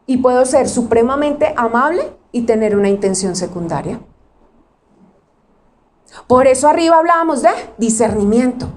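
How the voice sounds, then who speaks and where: A woman's voice: high voice, a little hiss or hum. A woman pastor preaching conversationally, often asking the audience questions and acting out quotes. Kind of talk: sermon.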